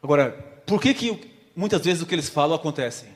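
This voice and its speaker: A man preaches to his congregation, acting out a story and throwing questions at the listeners. His voice sits somewhat high for a man. It rings out with a long reverb from the church hall. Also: animated, fairly quick. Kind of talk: sermon with a volunteer illustration.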